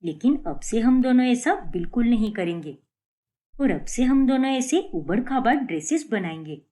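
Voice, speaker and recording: A woman's voice: a little high, sing-song, moderate pace, mellow. A woman voicing an eager young daughter-in-law who plays the loyal sister in a cartoon story. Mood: plotting.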